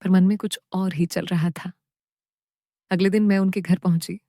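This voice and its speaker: A woman narrating a first-person story, in short phrases with dramatic pauses. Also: lowish voice, steady tone, mellow, dry recording, studio quality.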